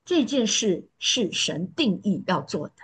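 A woman preaching a sermon with earnest emphasis. Her voice is very husky and breathy, and her pitch sits in the middle. She often sinks to a soft, pleading tone. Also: very animated, unhurried.

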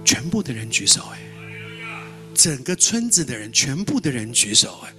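A man preaching a sermon as a lively storyteller who repeats words and acts out dialogue. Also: mid-range voice, moderate pace, music in the background. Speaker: pastor.

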